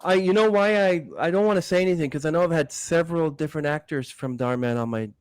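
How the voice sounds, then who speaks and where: Smooth-voiced enthusiastic male host. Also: fairly high pitch, quick pace, no echo. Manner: enthusiastic, admiring. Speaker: podcast host. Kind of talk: interview questions.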